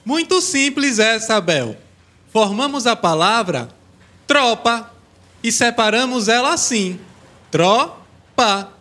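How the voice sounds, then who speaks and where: A man voicing Joaquim, a high lively schoolboy. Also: takes it slowly, exaggerated voice. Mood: cheerful. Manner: cheerful, helpful, explains patiently. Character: helpful young schoolboy Joaquim. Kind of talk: children's educational audio drama.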